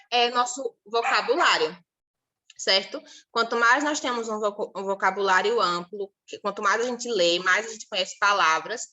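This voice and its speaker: A woman's voice: medium pitch, pushed and bright. A Brazilian Portuguese woman teacher giving a recorded class, explaining patiently and repeating syllables and example words one by one.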